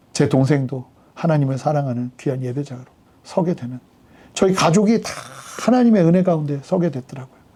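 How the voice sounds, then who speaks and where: A man's voice: on the high side, warm tone. A middle-aged man preaching a sermon as a pastor, telling a personal story and rising to fervent emphasis.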